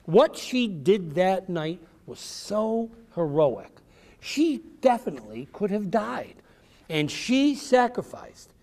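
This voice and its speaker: Speaking slightly high with a gravelly texture, this American man is an author and speaker performing for kids at a public library. His storytelling is theatrical and encouraging, built on plain, emphatic wording.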